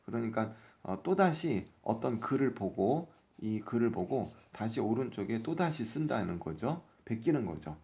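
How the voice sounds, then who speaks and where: A Korean-speaking man teaches English phonics from a workbook, patiently sounding out each letter and explaining each word's meaning step by step. His warm mid-range voice has a sing-song lilt, with normal speed and few pauses.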